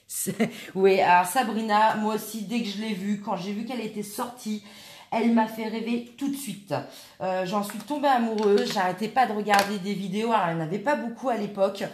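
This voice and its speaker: A woman's voice: medium pitch, fairly quick. A woman hosting a live craft tutorial, chatting while she works and answering viewers by name. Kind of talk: live craft demonstration with chat replies. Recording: echoey room.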